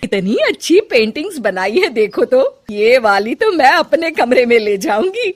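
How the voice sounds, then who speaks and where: A woman voicing a caring middle-aged mother-in-law who speaks warmly to her daughter-in-law. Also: a little high, sing-song, moderate pace, voice pushed up. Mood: motherly. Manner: scolding then kindly.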